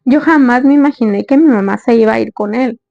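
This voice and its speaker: A woman's voice: on the high side, a little fast, vocal fry, dry recording. A young woman earnestly tells a sad family story, retelling dialogue in quotes. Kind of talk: personal story narration. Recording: dull dry close recording.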